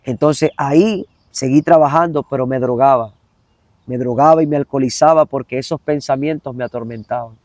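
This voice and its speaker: A man's voice: medium pitch, brisk, a little mellow, dry recording. A man giving an emotional personal testimony as an evangelist guest, earnest and repetitive, speaking straight to the listener.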